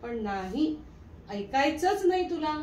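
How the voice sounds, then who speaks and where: A woman's voice: high-pitched, sing-song, takes it slowly, a little mellow. An older woman in a comic sketch, nagging and scolding her husband at length. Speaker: wife. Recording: echoey room, mic from a distance, faint noise.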